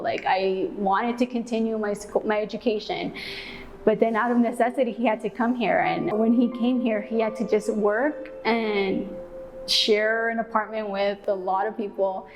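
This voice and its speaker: A woman's voice: medium pitch, a little mellow, rough recording. A young woman from Los Angeles telling her family's story in a casual interview, often saying "like". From Los Angeles, California. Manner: casual, fond of "like". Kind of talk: personal storytelling.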